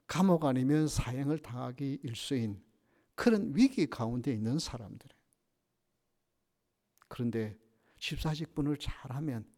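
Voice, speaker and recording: A male pastor delivering a Sunday sermon with lively storytelling and frequent rhetorical questions. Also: medium pitch. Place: church sanctuary. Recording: reverberant church sanctuary.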